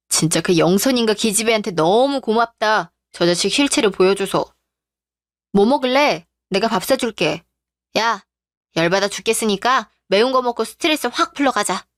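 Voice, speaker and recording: A woman's voice: medium pitch, animated, moderate pace, dry recording, studio quality, close to an everyday voice. Outspoken older sister, blunt and mocking, played by a woman. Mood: caring. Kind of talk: Korean radio drama.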